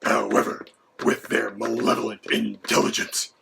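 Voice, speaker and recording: A man doing a gravelly whispering dragon. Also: fairly low pitch, sing-song, moderate pace, bright, forceful tone, heavily acted. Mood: matter-of-fact. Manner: mock-menacing, then lecturing in turn with the host. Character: gravelly menacing male dragon, co-host. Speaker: co-host. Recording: background noise.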